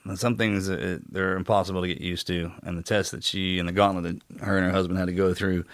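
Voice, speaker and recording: A man speaking an earnest, halting tribute to a friend. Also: low-pitched, flat delivery, no echo, studio quality. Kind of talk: casual tribute.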